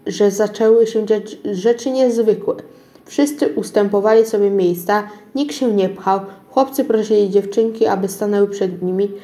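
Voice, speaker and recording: A woman's voice: medium pitch, dark tone. A woman reading a children's story aloud, often stumbling over words and starting them again. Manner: unpolished reading with frequent stumbles and restarts. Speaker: reader of a children's book.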